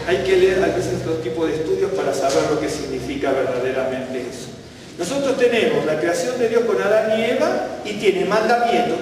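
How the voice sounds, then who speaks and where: Brief: male Bible teacher, high voice, animated sermon delivery, distant mic in a big reverberant hall. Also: noisy background. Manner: animated, rising for quoted questions, self-correcting.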